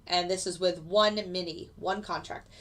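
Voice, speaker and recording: Stuffy-nosed woman with a lowish voice. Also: steady tone, moderate pace, a bit bright. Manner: casual, explanatory, with frequent fillers. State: stuffy nose from a lingering cold. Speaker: futures day trader streaming live. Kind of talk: live trading commentary answering chat.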